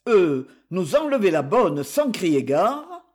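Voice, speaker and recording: A man's voice: sits high, big pitch swings, takes it slowly, a little mellow, exaggerated voice. A man reading the part of a middle-aged shoemaker who talks in a coaxing, insinuating way in a storybook reading.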